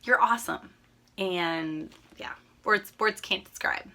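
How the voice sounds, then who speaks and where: A woman's voice: mid-range voice, slow pace, bright, forceful tone. A young woman from Minnesota hosting her cross-stitch channel, chatting to viewers in a rambling, upbeat way that keeps correcting itself, her voice a little worn. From Minnesota, USA. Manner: upbeat and gushing. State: slightly losing her voice. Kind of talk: casual chat to viewers.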